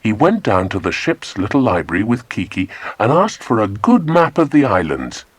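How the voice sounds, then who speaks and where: Speaking at a normal pace in a lowish, breathy voice, a man narrates a children's adventure audiobook with expressive storytelling. He's close on a dry studio mic, with no room sound.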